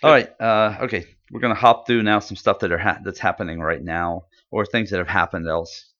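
A man's voice: sits low, steady tone, fairly quick, a bit bright. A man co-hosting a podcast in casual chat, rambling and enthusiastic with lots of fillers. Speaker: podcast co-host. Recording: dull lo-fi audio.

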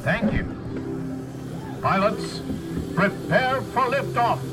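A man giving prerecorded ride safety instructions over an outdoor loudspeaker, in a clear, measured and formal way. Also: high voice, expressive. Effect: played over an outdoor loudspeaker. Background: ride music.

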